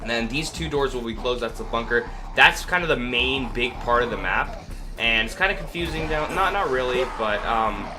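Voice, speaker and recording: An animated man with a mid-range voice, talking at normal speed over background music, hosts a casual gameplay walkthrough while sniffling and congested from a cold. His narration is rambling, hesitant and full of fillers, and background noise is clear in the recording.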